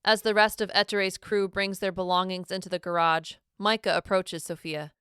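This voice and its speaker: A woman narrating a storybook in an expressive, dramatic reading style. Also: lowish voice, normal speed, smooth, no room sound, clean studio sound.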